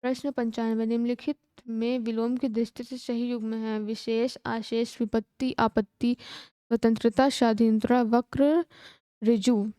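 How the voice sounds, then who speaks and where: A woman teacher running an exam-prep lesson, reading out questions and answer options at a steady, methodical clip. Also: a little high, smooth, dry recording, clean studio sound. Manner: steady read-aloud of options, brisk and methodical.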